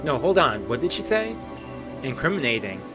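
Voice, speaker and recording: A man's voice: medium pitch, sing-song, moderate pace. A man streaming a game, reading its narration aloud and breaking off to react and joke. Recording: voice over game music.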